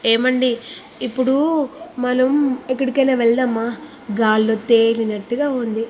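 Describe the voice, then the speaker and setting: A woman's voice: fairly high pitch, fairly even intonation, measured pace, darkish tone, a little hiss or hum, natural voice. A woman voicing a tipsy young wife who coaxes and demands, playful and insistent. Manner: slurred, coaxing and demanding.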